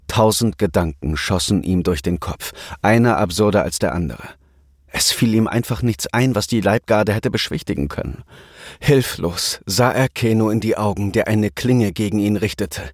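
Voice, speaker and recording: A man narrating a German story in a measured, even storytelling voice. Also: lowish voice, no echo, clean studio sound. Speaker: audiobook narrator. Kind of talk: scripted narration.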